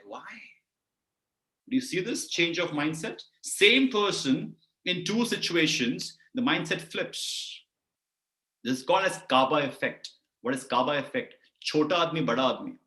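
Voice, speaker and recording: A man with an Indian English accent giving an animated webinar talk on public speaking, often putting questions to his listeners. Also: on the high side, roomy sound. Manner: animated, lots of vocal variety, keeps asking the audience questions.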